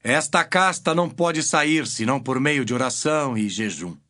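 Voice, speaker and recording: A man's voice: medium pitch, animated, pushed and bright. A man playing Jesus as a grave, authoritative teacher in a dramatized scripture audio, with a Brazilian accent. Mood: solemn teaching. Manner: solemn, measured, commanding.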